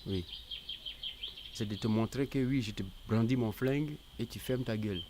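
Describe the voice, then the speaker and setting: A middle-aged man with a mid-range voice offers candid, reflective personal testimony at a normal, conversational pace. The outdoor recording is clear, with birdsong and ambient noise around him.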